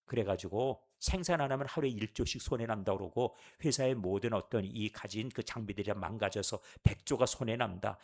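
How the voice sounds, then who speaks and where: A male pastor giving a sermon at a Friday church service, asking the congregation question after question. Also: medium pitch. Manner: animated, rhetorical questions to the congregation.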